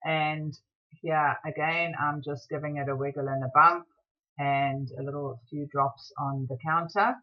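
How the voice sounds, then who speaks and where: A woman from South Africa talking through a craft tutorial as a rambling, excitable voiceover. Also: low-pitched, unhurried, lo-fi sound.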